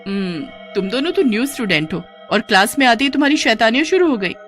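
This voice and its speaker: A woman's voice: on the high side, expressive, fast, fairly bright tone, faint music behind, pitched above the performer's own voice. A woman voicing a firm but fair female schoolteacher who speaks in a stern, instructive way. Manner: stern, scolding then instructive.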